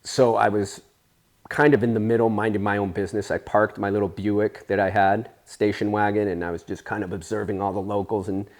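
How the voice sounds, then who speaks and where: A man in his forties with a fairly low voice, raised in Spain, chats through his stories at an easy pace. He rambles a little and fills gaps with "uh" and "you know.". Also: flat delivery, a little fast. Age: 40s. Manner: easygoing, rambling, with many fillers. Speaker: interview guest, surfer. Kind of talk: casual storytelling interview.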